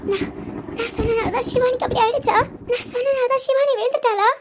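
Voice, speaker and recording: A woman's voice: extremely high pitch, steady tone, fast. A woman voicing all the characters of a village family drama, fussing and crying out in alarm. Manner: emotional, fussing, with cries of alarm.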